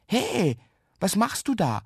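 A man's voice: sits high, moderate pace, darkish tone, no echo, clean studio sound, voice pushed up. A man voicing a young boy in a children's radio story, protesting and stammering. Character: young boy, sheepish but spirited.

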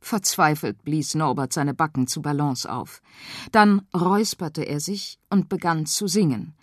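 A woman narrating a children's radio story with expressive, animated reading, recorded in a studio. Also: low voice, measured pace, no room sound.

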